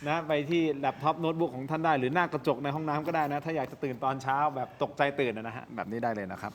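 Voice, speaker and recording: A man's voice: mid-range voice, very fast, big-room sound, a little hiss or hum. A middle-aged man hosting a studio talk show, chatty and joking as he plugs merchandise.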